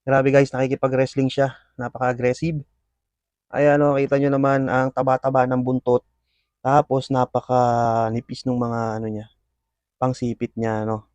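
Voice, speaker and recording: Feeding time for the scorpions: their keeper, who hosts the video, gives an excited, filler-heavy play-by-play aimed at his viewers. His medium-pitched voice is smooth and moves at a moderate pace. The sound is dry and dull.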